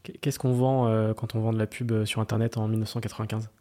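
Male host, mellow dark tone, casual questions, fillers. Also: on the low side, little pitch movement. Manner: casual, uses filler pauses. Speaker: podcast host. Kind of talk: interview questions.

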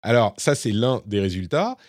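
A man's voice: fairly low pitch, very animated, normal speed, no echo, clean studio sound. A man hosting a tech podcast, explaining things in casual chat with a few fillers. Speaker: podcast host.

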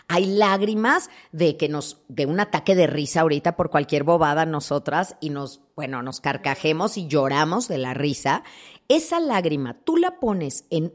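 A woman speaking as a thanatologist guest in an interview, talking expressively and acting out the voices she quotes. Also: low voice. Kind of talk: interview conversation.

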